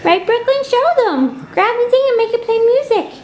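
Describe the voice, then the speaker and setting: Giggly young mom with a very high voice. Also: female voice, lively intonation, moderate pace, a little mellow. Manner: giggly, baby talk to her daughter. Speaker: vlogger, mother. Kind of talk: casual family vlog chat.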